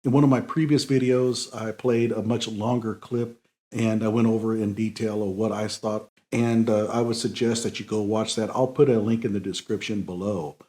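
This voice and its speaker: A man's voice: fairly low pitch, fairly even intonation, normal speed, dark tone. A man hosting his own show, critiquing a legal document in an explanatory, opinionated way with frequent fillers. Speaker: show host and technical writing consultant. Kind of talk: casual commentary critiquing a document.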